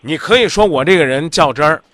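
A man's voice: fairly high pitch, lively intonation, fast, a bit bright, dry recording. A man hosting a radio call-in advice show, talking bluntly and insistently, lecturing the caller.

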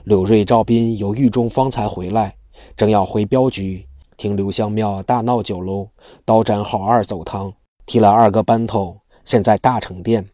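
A man reads a classic martial arts novel aloud in steady storyteller fashion. His voice is low and dark, mellow rather than bright. It is recorded close and dry, with no room sound. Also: normal speed, dry recording. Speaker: narrator.

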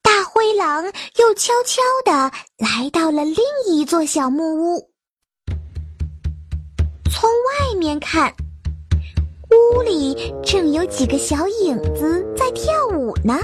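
A woman narrating a children's story in an expressive, sing-song way over children's music. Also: very high-pitched, slow.

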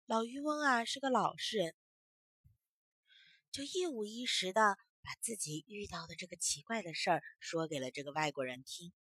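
A woman telling a children's story as a storyteller, in an expressive, emphatic way. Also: mid-range voice, moderate pace, breathy edge, no room sound.

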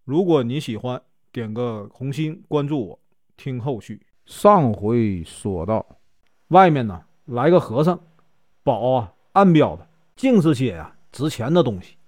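A man's voice: medium pitch, big pitch swings, measured pace, darkish tone, no room sound, clean studio sound. A man narrating a traditional folk tale in a chatty, conversational way, stretching out filler particles between phrases. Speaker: storyteller.

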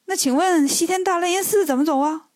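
A woman's voice: extremely high pitch, fairly quick, a little mellow, no echo, voice pushed up. Woman reading polite naive monk master, plain, dry sound. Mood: earnest.

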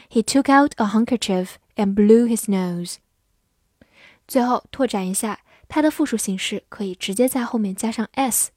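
Female vocabulary tutor, slow deliberate delivery, spells words out, dry studio voice. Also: medium pitch, dark tone, no room sound. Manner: slow, careful spelling and model reading. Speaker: English teacher. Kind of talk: vocabulary lesson narration.

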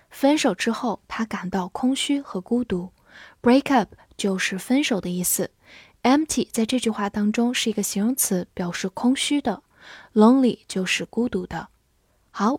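A young woman teaching English vocabulary in Chinese, explaining patiently and slowing down to spell and drill each word. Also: mid-range voice, darkish tone, slightly rough, no echo, studio quality.

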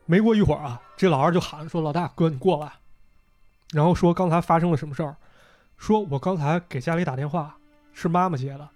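A man's voice: a little high, fast talker, a little mellow, faint music behind. A man hosting a podcast, casually retelling a story and voicing the characters' lines as he goes. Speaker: podcast host.

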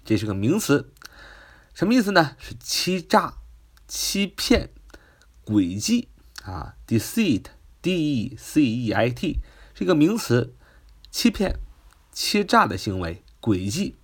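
A man gives a vocabulary lesson, spelling English words letter by letter and explaining them in Mandarin. His pitch swings widely, climbing on the questions he asks. His voice sits at an ordinary middle pitch. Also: sing-song, slow, long pauses, husky.

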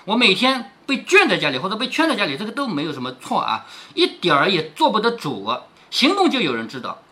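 A man's voice: high voice, huge pitch swings, brisk, pushed and bright. A man, the show's host, reading a classic novel aloud and explaining each line in plain words, often asking rhetorical questions. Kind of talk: storytelling with commentary.

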